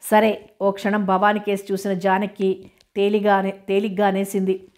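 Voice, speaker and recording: A woman narrating a novel in an even, measured audiobook reading. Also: mid-range voice.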